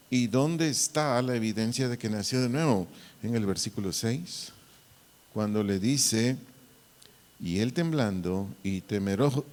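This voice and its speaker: Pastor teaching in a reverberant hall. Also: male voice, medium pitch, a little mellow. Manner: deliberate, repeats and spells out key words. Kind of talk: Bible teaching to church servers. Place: church hall.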